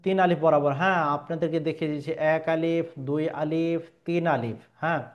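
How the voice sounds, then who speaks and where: A man's voice: a little high, steady tone, normal speed, lo-fi sound. A man teaching Quran pronunciation step by step, patiently repeating each letter sound and stretching the vowels.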